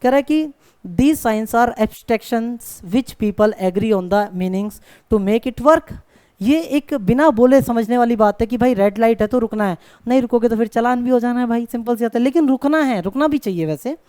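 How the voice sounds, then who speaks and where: A man tutoring for an exam in an online lecture. He reads English textbook lines slowly, then explains them in casual chat, often calling his listeners "bhai". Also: extremely high pitch, darkish tone, clear, resonant tone, no echo, clean studio sound.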